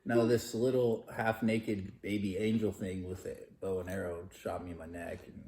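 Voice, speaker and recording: A man's voice: deep voice, little pitch movement, moderate pace, darkish tone, reverberant, slight background noise. A man chatting casually with his fiancée, playful and jokey as he tells their story while eating. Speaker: fiancé co-host. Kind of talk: casual chat.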